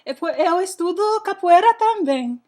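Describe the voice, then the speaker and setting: A woman interviewer with an English accent in Portuguese, polite and halting as she searches for words in a language she is still learning. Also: very high voice, expressive, a little mellow, slight background noise.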